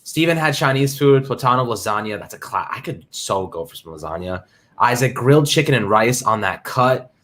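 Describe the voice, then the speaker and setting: A man's voice: medium pitch, expressive, moderate pace, fairly bright tone. A man hosting a casual sports livestream, talking in hyped slang and greeting chat viewers by name. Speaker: livestream host.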